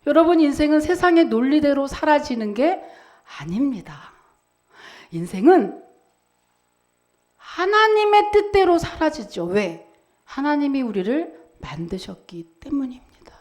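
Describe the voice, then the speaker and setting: A woman's voice: high-pitched, very animated, a little slow, a little mellow. A woman pastor delivering a Sunday sermon in a church, dramatic and emphatic, acting out quoted voices.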